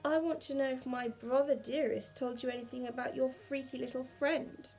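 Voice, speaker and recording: A woman's voice: high-pitched, fairly even intonation, normal speed, darkish tone, faint music behind, close to an everyday voice. A woman voicing a smug, sneering schoolboy in her own story, taunting and superior.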